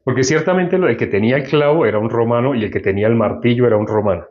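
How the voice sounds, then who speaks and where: In a dull, lo-fi recording, a man preaches and reads from the Bible in a rapid-fire, mid-range voice. He explains the passages and puts questions to his audience.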